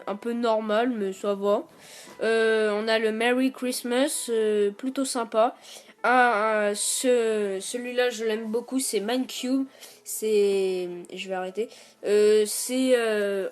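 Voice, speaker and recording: A woman's voice: a little high, darkish tone. A woman hosting a casual tutorial, talking viewers through steps with many hesitations and filler sounds. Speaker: YouTube tutorial host. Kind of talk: casual screen-recorded tutorial.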